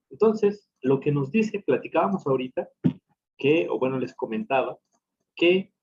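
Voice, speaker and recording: A husky-voiced male teacher lectures at a middle pitch, walking through each point slowly and checking in with his class. The recording sounds dull and lo-fi. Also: darkish tone. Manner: explains step by step, often checks with "¿sí?".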